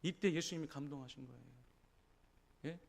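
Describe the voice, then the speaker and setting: In his church sanctuary on a Sunday morning, a high-voiced male pastor with vocal fry preaches a sermon. He tells scripture stories with energy, acting out the voices of those he quotes, and keeps checking in with the congregation through a quick "예?".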